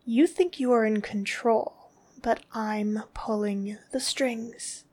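Woman, very slow measured delivery, commanding, scornful, frequent breathy whispers, higher voice. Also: fairly even intonation, a little mellow. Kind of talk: scripted dominant roleplay audio.

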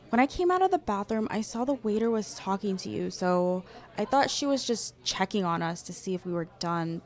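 A young woman voicing a jealous girl who confesses her feelings to a friend, speaking softly and intimately to the listener. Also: mid-range voice, lightly acted. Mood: upset, jealous. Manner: soft, intimate, addressing the listener directly. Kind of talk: audio roleplay to a listener.

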